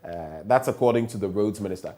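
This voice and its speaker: A man with a Ghanaian English accent hosts a morning newspaper review, reading out headlines and asking pointed questions. His voice is fairly low and warm, and he talks fast.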